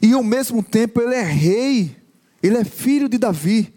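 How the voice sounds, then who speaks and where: A man preaching a sermon to a congregation, building slow emphatic lists of repeated phrases and sometimes breaking into song. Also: extremely high pitch, expressive, warm tone.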